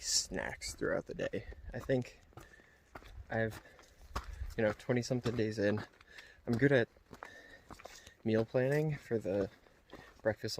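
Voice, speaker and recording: A man chatting casually to his camera outdoors on a mountain trail, relaxed and rambling with lots of fillers. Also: medium pitch, a little hiss or hum. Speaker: hiker filming his own trail vlog. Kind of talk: casual self-filmed vlog chat.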